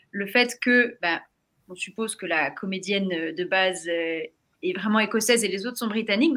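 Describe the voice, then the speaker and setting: Bright-voiced woman, enthusiastic discussion. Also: medium pitch. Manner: enthusiastic, frequent fillers. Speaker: podcast co-host. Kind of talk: literary discussion.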